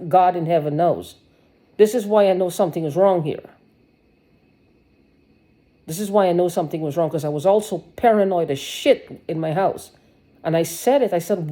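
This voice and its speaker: A vlogger with a low, dark-toned voice delivers a rambling personal video monologue. She is agitated and sarcastic, swearing and restarting her sentences.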